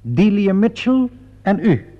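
This radio play features an actor as a shrewd inspector who corners a suspect through pressing, methodical, falsely polite questions delivered with theatrical deliberation and insinuation. His male voice sits high and is very animated, a full character performance. It's a muffled, dull vintage recording.

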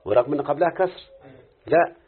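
An Egyptian man leads a live lesson, explaining grammar quickly and breaking off often to ask whether his student understands. His voice is husky, and the recording is thin and tinny, like a phone line. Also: a little high. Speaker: teacher of Quranic readings and grammar.

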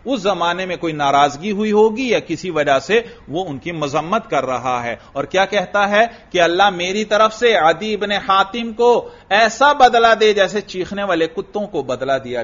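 A religious teacher lectures a class on Arabic grammar, slowly chanting verses and putting questions to his students. His voice sits high and a bit bright, captured on a dull lo-fi recording.

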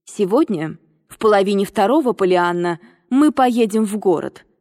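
A stern, cold aunt who gives her orders in a dry, clipped tone, as a woman reader puts her on. She pitches her voice lower and keeps it mellow, and the reading carries a long reverb. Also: expressive, moderate pace, lightly acted.

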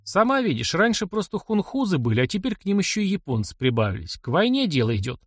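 A man's voice: high-pitched, very animated, fast talker, slightly rough, no room sound, clean studio sound, pitched above the performer's own voice, heavily acted. A man voicing a blunt, brooding young village man in an audiobook, speaking in a grumbling way. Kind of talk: audiobook character voice.

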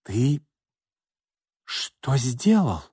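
A man's voice: low voice, big pitch swings, unhurried, darkish tone, slightly rough, dry recording, studio quality, heavily acted. A man reading a story and voicing an exasperated middle-aged wife who sounds weary and indignant. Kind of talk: audiobook reading.

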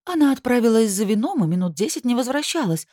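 A woman's voice: on the high side, very animated, fast talker, warm tone, no room sound, clean studio sound, pitched above the performer's own voice. A woman voicing a frightened young woman in an audiobook, her voice breaking with sobs. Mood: tearful, shaken. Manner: sobbing, breaking voice. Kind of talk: audiobook character voice.

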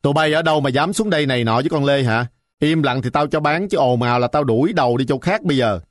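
A man voicing a shrill, sour-tongued old woman who bullies a village market, scolding and threatening. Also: fast, no echo, clean studio sound, lightly acted.

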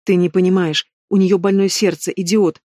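A man's voice: high voice, flat delivery, moderate pace, darkish tone, dry recording, studio quality, natural voice. A man voicing a frightened, defiant young woman. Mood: pleading. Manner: shaken, snapping back. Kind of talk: audiobook reading.

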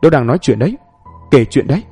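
A man's voice: medium pitch, big pitch swings, fast, dark tone, slightly rough, soft background music. A man voicing an anxious young woman who pleads urgently.

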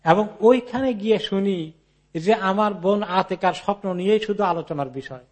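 A man giving an Islamic sermon, reading Arabic slowly and then explaining it in a casual, chatty way. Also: high-pitched. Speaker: Islamic preacher.

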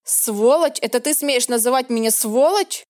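A woman's voice: fairly high pitch, moderate pace, a little mellow, close to an everyday voice. A woman reading the lines of a cold, contemptuous man in an audiobook, in her own voice. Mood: cold scorn. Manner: scornful, dismissive.

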